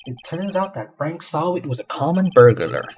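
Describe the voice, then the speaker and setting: A man's voice: fairly high pitch, very animated, moderate pace, a little mellow, breathy edge. A man voicing an earnest young male defense lawyer in a courtroom game, polite and upbeat.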